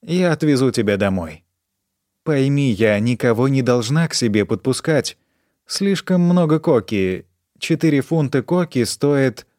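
A man's voice: animated, a little slow, a little mellow, dry recording, studio quality, lightly acted. A man voicing an erratic, stoned young woman in an audiobook, rambling and repeating herself. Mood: wary. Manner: shrill outbursts, rambling repetition. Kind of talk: audiobook character voice.

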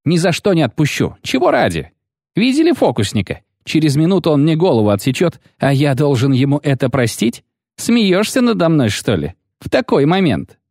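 A man voicing a whiny, high-strung male poet facing execution, in an audiobook. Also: very animated, moderate pace, darkish tone, no room sound, clean studio sound. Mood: indignant. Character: shrill panicky male poet condemned to die. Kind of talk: audiobook character voice.

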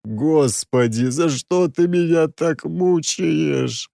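An exasperated, sarcastic six-armed demon, as a male audiobook reader puts him on, scolding in a raised, mid-pitched voice. The storybook recording is dry and close, with no room sound. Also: expressive, a little fast, a little mellow, no room sound, natural voice.

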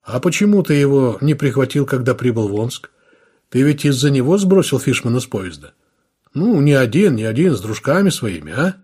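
A man's voice: medium pitch, big pitch swings, a little fast, a little mellow, husky. A man voicing a young hungover police lieutenant who mocks and taunts, in an audiobook reading. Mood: sneering, aggressive. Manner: sneering, taunting.

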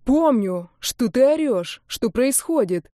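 A woman reading the part of a tough young man who snaps and shouts angry demands. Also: mid-range voice, a little slow, dry recording, studio quality, natural voice. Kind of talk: audiobook character reading.

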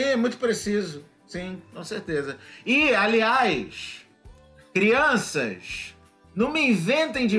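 A man with a Brazilian Portuguese accent co-hosting a podcast, animated and jokey, swearing freely as he talks. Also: high-pitched. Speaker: podcast co-host. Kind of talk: casual chat.

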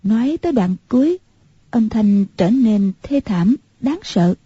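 A woman narrating a martial-arts novel in a steady, measured way. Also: on the high side, husky, no room sound. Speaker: audiobook narrator. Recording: muffled lo-fi recording.

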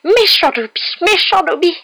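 A woman voicing a small male house-elf with a high, squeaky, humble voice, servile and tearful, in an audiobook reading. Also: fairly even intonation, brisk, fairly bright tone, slight background noise, close to an everyday voice. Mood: sobbing. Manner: humble, overexcited, sobbing outbursts. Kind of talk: audiobook character voice.

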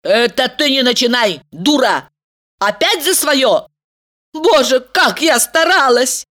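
Woman doing a shrill bossy girlfriend, scolds and squeals, voice jumps all over. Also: animated, slow pace, fairly bright tone, heavily acted. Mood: scolding, shrill. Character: scheming, shrill, bossy young woman friend.

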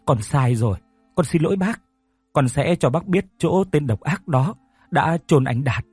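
A man's voice: medium pitch, expressive, moderate pace, mellow, husky, no echo, soft background music. A man doing a guilt-ridden young woman, choked. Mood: begging. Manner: choked, apologetic.

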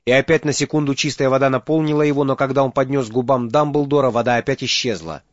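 A man reading an audiobook as narrator, in steady dramatic storytelling. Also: mid-range voice, fast, dry recording, highs cut off. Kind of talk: scripted narration.

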